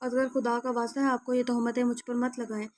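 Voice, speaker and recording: A woman's voice: fairly high pitch, level tone, darkish tone, close to an everyday voice. A woman voicing a desperate pleading mother. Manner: pleading, tearful.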